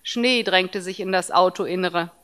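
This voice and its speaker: A woman reads a first-person story aloud, narrating calmly and evenly. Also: on the low side, measured pace, clear, resonant tone.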